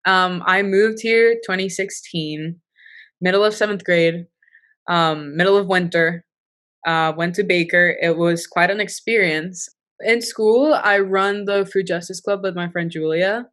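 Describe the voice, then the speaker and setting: A high school junior girl from Costa Rica speaking earnestly in an interview. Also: a bit bright. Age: teens. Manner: earnest, with "um" fillers. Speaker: interviewee, student. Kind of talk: casual recorded interview.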